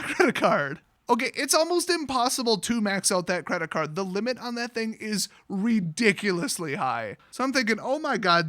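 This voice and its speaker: An online vlogger who sells cards recounts a story in a meandering, casual way, his voice high, bright, and forceful. He's sarcastic and blunt and swears readily. The audio is close and very dry, with barely any room to it.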